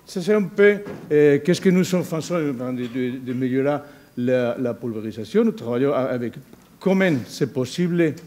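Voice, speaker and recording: A non-native speaker from Spain with a Spanish accent, this man gives a conference presentation as a researcher, halting and searching for words in foreign-accented speech. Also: mid-range voice, animated, darkish tone. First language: not a native French speaker. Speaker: university researcher giving a presentation.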